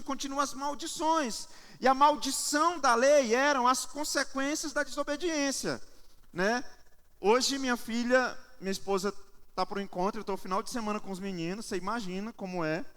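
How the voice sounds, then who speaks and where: A man in his thirties delivers a sermon as pastor, moving from quiet storytelling to emphatic preaching. His voice sits fairly high for a man. The sound carries a long reverb from a church sanctuary. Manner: storytelling, shifting between soft anecdote and emphatic preaching.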